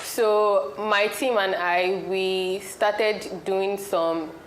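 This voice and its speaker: A woman's voice: mid-range voice, fairly even intonation, very slow. A young Nigerian woman giving an explanatory answer as an interview guest. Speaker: interview guest, trading competition participant. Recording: echoey room, faint noise.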